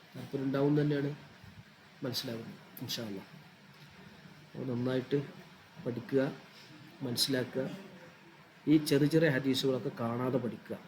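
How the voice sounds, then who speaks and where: A man's voice: medium pitch, noisy background. A man teaching an informal online religious class, chatty and repetitive as he explains things step by step.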